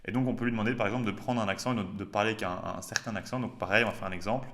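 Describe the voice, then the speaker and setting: A man with a fairly low voice walks viewers through a casual tech demo. He talks loosely and slangily, with plenty of filler pauses. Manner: relaxed, chatty, slangy with frequent hesitations. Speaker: host.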